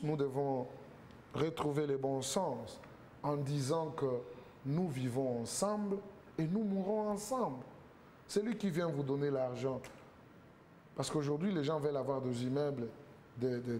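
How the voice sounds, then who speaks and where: A man speaks as a talk show guest, his voice pitched a little high. He argues emphatically, firing rhetorical questions and stacking repeated words, with a faint hiss behind him. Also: warm tone. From Congo. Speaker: political guest.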